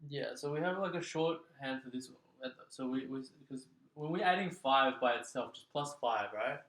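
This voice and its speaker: A man's voice: medium pitch, moderate pace, a bit bright. A man tutoring a child in maths one-on-one, explaining patiently and checking in with frequent "okay?"s. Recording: echoey room.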